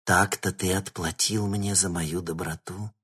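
A man's voice: sits low, fairly even intonation, a bit bright, breathy edge, exaggerated voice. A man reading a cold, imperious woman leader. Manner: cold and measured.

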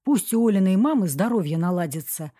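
A woman voicing an earnest, troubled young man, speaking quietly and resolutely. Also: mid-range voice, expressive, fairly quick, no room sound, studio quality, close to an everyday voice.

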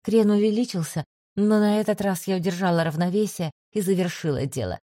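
A woman reads a first-person adventure story aloud with a steady, even delivery. Her voice is mellow and dark, recorded dry and close with no room sound. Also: medium pitch, fairly quick, no echo. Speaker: audiobook narrator. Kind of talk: first-person scripted narration.

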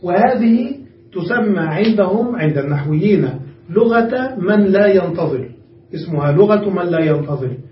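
A man's voice: high-pitched, expressive, moderate pace. A man teaching a grammar lesson to students, explaining patiently and often checking whether they have understood. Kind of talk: classroom lesson. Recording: far-off echoey muffled room recording.

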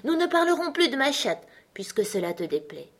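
A woman's voice: high voice, very animated, fairly quick, a bit bright, pitched above the performer's own voice, full character voice. A woman voicing a curious, polite little girl who talks eagerly to please.

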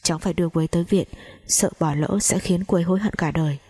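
Woman voicing a steady protective young man. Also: lowish voice, rapid-fire, slightly rough, dry recording, clean studio sound. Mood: urgent. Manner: soothing, urging calm.

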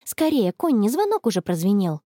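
A woman voicing a dreamy, stubborn teenage schoolgirl in love, in a storybook, soft and a little touchy. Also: mid-range voice, sing-song, a little fast, no room sound, studio quality.

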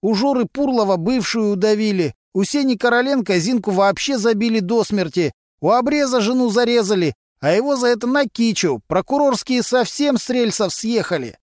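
A man's voice: high-pitched, expressive, moderate pace, hardly any pauses, darkish tone, no room sound, clean studio sound, pitched above the performer's own voice. A man voicing a cocky, mocking male mechanic who talks in thieves' slang, in an audiobook. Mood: brash. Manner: mocking, brash, full of criminal slang.

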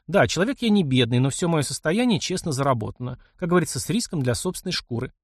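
A man's voice: a little high, animated, fast, no room sound, studio quality. A man doing a blunt young engineer. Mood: surprised. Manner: blunt, plain-spoken. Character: young male engineer, blunt, kind, gruff. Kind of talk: audiobook character voice.

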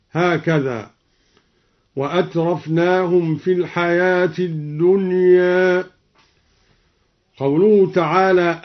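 A man with a high voice explains Quran reading variants in a measured tone, then chants each verse in drawn-out, melodic recitation. He speaks unhurriedly throughout. The sound is dull and lo-fi, like an old radio archive recording.

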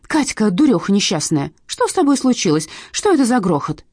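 A bossy, sharp-tongued young woman, read by a female narrator, scolding and teasing with a lively, swooping voice. The tone is husky, and the recording is dry and close. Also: medium pitch, a little fast, dry recording, voice pushed up. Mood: commanding. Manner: scolding and mocking.

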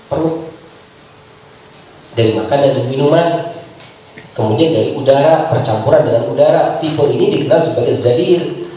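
A man's voice: medium pitch, darkish tone, a little hiss or hum. Chatty male preacher in an echoey room. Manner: chatty, jokey storytelling with rhetorical asides. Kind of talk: religious talk to an audience. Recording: echoey room from far off with faint ambience.

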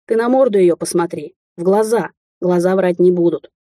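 A woman voicing a gruff older Russian man who lectures in a coarse, bossy way. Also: lowish voice, normal speed, mellow, dry recording, studio quality, lightly acted. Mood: lecturing.

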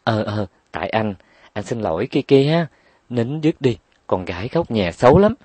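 A man voicing a kind boy who gently coaxes and soothes a younger girl. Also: mid-range voice, sing-song, moderate pace, breathy edge, no room sound. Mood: coaxing. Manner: coaxing, gentle pleading. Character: kind older boy soothing little girls.

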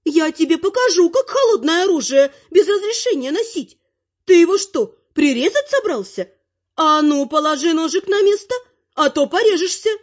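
A woman voicing a spry, sharp-tongued, bossy old grandmother in a brisk, scolding way. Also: high-pitched, expressive, voice pushed up. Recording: muffled lo-fi recording.

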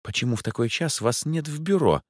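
A man's voice: lively intonation, dry recording, studio quality, close to an everyday voice. A man voicing a haughty, nervy rich woman client who talks imperiously and panics easily. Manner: shrill, imperious, quick to panic.

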